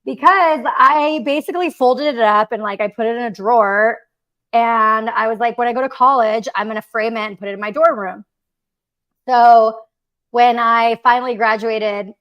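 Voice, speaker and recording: A woman's voice: fairly high pitch, normal speed, dull audio. A young woman hosting a casual livestream chat, rambling and giggly with lots of fillers. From Mexico City, raised in the Bay Area. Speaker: podcast host.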